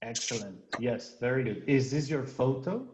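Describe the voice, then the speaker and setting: In roomy, dull video-call audio with a little noise, a male English teacher explains grammar patiently and has his online students practice pronunciation. He has a mid-range, darkish voice with lively intonation and a measured pace.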